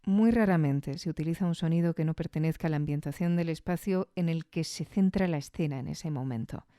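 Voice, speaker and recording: A woman with a Spanish accent hosts a podcast, speaking briskly in a low, warm voice. Recorded dry with studio quality, she gives a casual, reflective spoken review sprinkled with conversational tag questions.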